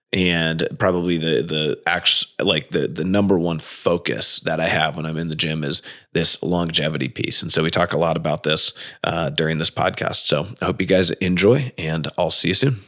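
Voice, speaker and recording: A man in his late thirties with a very deep voice hosts a podcast. He talks in an upbeat, rambling way, full of "you know" and restarts. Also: bright, forceful tone. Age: 30s. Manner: enthusiastic, loose with frequent fillers. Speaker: podcast host. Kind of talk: casual podcast chat.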